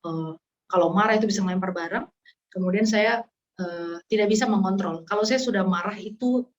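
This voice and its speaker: A young woman giving a casual religious talk as a guest speaker, telling lively stories and acting out scenes with sound effects. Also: mid-range voice, fairly quick, lo-fi sound.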